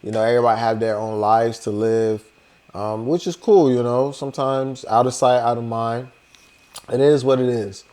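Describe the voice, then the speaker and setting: A man's voice: mid-range voice, moderate pace, a little mellow. Young man, casual vlog storyteller, easygoing conversational delivery. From Liberia. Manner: laid-back and conversational, heavy on "you know" and "like". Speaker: vlogger.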